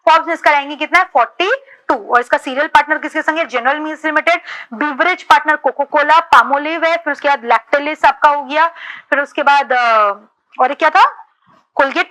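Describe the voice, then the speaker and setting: A woman teacher giving an exam-prep lecture, quizzing her students with quick questions and mixing Hindi with English. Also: high-pitched, pushed and bright, poor audio. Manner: repeats "ठीक है" to check understanding.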